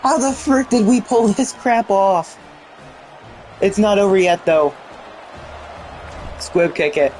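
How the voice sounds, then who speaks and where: A young man giving excited commentary on a football video game he is playing, exclaiming and mildly swearing. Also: sits high, takes it slowly, pauses often, faint music behind. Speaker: gaming YouTuber.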